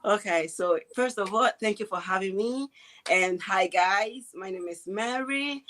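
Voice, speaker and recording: A woman in her twenties from Ghana, a guest chatting casually on a video call, relaxed and hesitant, with many fillers and restarts. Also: mid-range voice, unhurried. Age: 20s. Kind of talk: casual interview chat.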